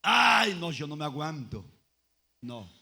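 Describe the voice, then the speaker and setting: A man preaching a Pentecostal revival sermon in a church with a Colombian accent, swinging from shouted praise to low, intimate tones. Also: sing-song, takes it slowly, gravelly, slightly rough. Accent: Colombian Spanish. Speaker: pastor. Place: church service before a congregation.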